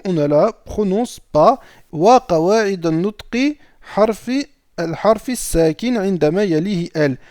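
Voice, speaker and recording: A man's voice: sits high, a little mellow, no room sound, studio quality. A man teaching an Arabic lesson in French, reading out example phrases and repeating them patiently, often checking understanding. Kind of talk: grammar lesson explaining Arabic pronunciation in French.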